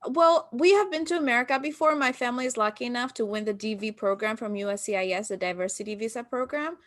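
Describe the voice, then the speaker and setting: Fast and a little high in pitch, this woman is a guest on a casual podcast interview. She's an Albanian marketing business founder in her thirties who tells stories, voicing quotes from herself and others.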